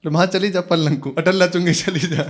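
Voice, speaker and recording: A man's voice: high-pitched, steady tone, normal speed, natural voice. A man voicing a stubborn, half-deaf old village mother who mishears and bickers in a rustic Braj accent. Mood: scolding mishearing.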